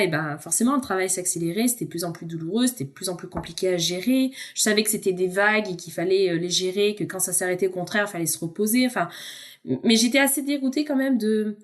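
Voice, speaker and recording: A woman who is a podcast guest, telling a personal story in a candid, conversational way and addressing the host informally. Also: mid-range voice. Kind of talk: personal storytelling in a casual chat.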